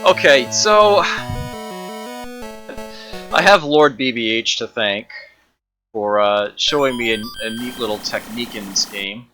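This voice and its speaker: A man's voice: mid-range voice, animated, measured pace, pauses often, pushed and bright, faint music behind. A man streaming a retro arcade game, giving casual, rambling commentary with wry, self-deprecating asides. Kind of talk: casual live gameplay commentary.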